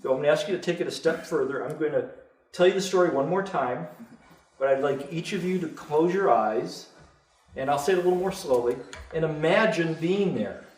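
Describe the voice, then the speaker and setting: A man's voice: a little fast, far from the mic. A man teaching a group, retelling a Bible story aloud and lifting his voice for the quoted speakers. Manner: animated, raises pitch for quoted characters. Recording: echoey room, voice from afar.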